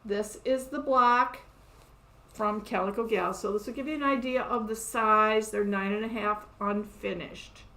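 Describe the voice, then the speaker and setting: Chatty and cheerful, a woman runs a live show from her quilt shop, speaking casually, laughing often, and showing off her items. Her voice sits at an ordinary middle pitch, unhurried, with a sharp tone.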